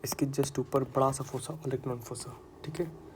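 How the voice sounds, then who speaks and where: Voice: medium pitch, steady tone, a little slow, a little mellow, slight background noise, low-quality recording. Chatty anatomy tutor with a sore throat. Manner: chatty, addresses students as friends, repeats terms. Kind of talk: casual online lecture.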